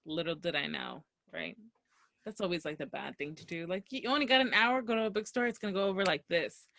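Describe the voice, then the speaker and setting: A young woman co-hosting a podcast, telling a casual story and acting out the dialogue with lively energy. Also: on the low side, a little fast. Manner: animated, acts out quoted dialogue. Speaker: podcast co-host. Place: Los Angeles area.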